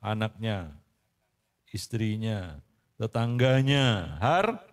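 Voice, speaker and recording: A man's voice: fairly low pitch, lively intonation, drawn-out words. A man giving a casual sermon to a congregation, bantering, quizzing his listeners and laughing often. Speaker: preacher. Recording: long reverb of a hall.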